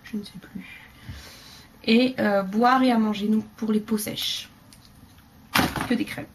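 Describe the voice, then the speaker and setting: A woman's voice: fairly even intonation, slow pace. Chatty woman showing off a beauty haul. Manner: chatty, rambling with many fillers and trailing off into low asides. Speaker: beauty vlogger. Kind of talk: casual haul video.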